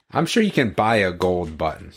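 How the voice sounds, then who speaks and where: A man's voice: fairly low pitch, wildly swooping pitch, measured pace, breathy edge, no room sound. A man bantering casually as a podcast co-host, throwing in short teasing interjections.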